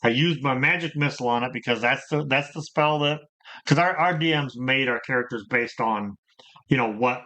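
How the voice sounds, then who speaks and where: A middle-aged man with a bright, forward voice, hosting a relaxed group conversation. He tells long stories, often restarting and repeating words. His pitch stays in an ordinary middle range. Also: normal speed. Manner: rambling, repeats words, animated storytelling. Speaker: channel host. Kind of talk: casual group chat about gaming.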